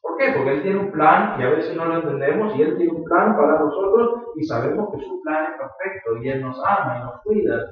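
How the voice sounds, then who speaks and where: A man with a Rioplatense accent preaches a sermon in a high, earnest voice with emphatic rises. He sounds distant from the mic, with a heavy echo of a big room around him. The sound is dull and muffled. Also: lively intonation, fairly quick, hardly any pauses. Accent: Rioplatense Spanish. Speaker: pastor.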